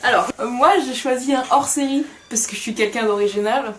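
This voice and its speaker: Young woman, book-review co-host, halting with fillers, dry asides, faint background hiss. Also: on the high side, a bit bright. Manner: hesitant, many fillers, wry asides. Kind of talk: casual chat book review.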